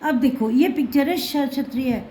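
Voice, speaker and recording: A woman's voice: high voice, normal speed, dark tone, a little hiss or hum. A woman teaching Hindi letters to children, patiently repeating each sound and mixing in words.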